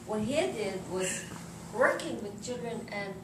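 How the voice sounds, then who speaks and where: A middle-aged woman speaks English with an Israeli accent, recounting her experiences as an interviewee. She often pauses to hunt for the right word. Her medium-pitched voice is picked up from across a living room, with noticeable echo and noise. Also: expressive. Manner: halting, searching for words in non-native English. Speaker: journalist being interviewed. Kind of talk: informal interview, telling personal anecdotes. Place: indoors in a living room, seated on an armchair. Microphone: distant camera microphone. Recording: roomy, noisy recording from a distance.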